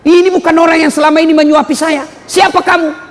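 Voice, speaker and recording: A preacher putting on a shouting, suspicious blind old man. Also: little pitch movement, fast. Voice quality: high, strained shouting. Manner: accusing, indignant outbursts. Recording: long hall reverb.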